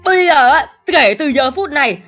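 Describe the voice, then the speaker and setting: Picture a shy ex-bully schoolboy who trips over every word, repeating himself as he works up his courage, as a man acts him out. The voice is pitched up high, with soft music underneath. It plays like a Minecraft role-play scene. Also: expressive, moderate pace, full character voice. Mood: boastful. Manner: stammering, repeating words nervously. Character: bashful teenage boy, reformed school bully.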